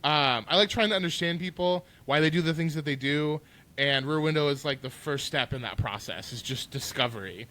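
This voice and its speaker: A man in his thirties co-hosting a podcast, chatting casually and rambling with lots of "like" and "um", quick to laugh. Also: fairly high pitch, sharp tone. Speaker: podcast co-host. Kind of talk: casual chat.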